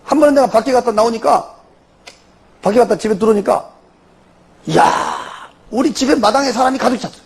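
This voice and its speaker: A middle-aged pastor with a Jeolla Korean accent tells his testimony in a high, gravelly voice. His pitch leaps and dips as he throws rhetorical questions at the room. A husky edge runs under his lively delivery. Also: brisk, pauses often. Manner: animated storytelling with rhetorical questions. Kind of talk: testimony sermon.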